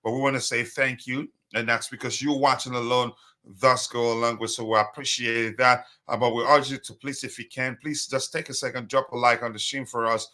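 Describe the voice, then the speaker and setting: A man hosting a casual live football fan stream in a halting, repetitive way, his voice slightly strained as if he is losing it. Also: mid-range voice, little pitch movement, pushed and bright.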